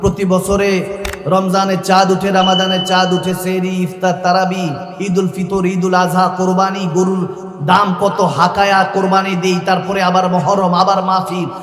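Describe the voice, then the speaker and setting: High-voiced preacher shouting over echo. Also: male voice, monotone, moderate pace. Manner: rousing, often shouting to the crowd. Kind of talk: Islamic sermon at a religious gathering. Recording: echoey hall-like reverb over a PA, faint music.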